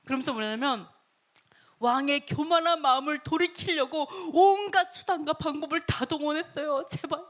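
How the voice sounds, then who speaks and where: Female Bible teacher, high voice, lively dramatic storytelling. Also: normal speed. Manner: lively, dramatic retelling with frequent laughs. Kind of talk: animated Bible story lesson.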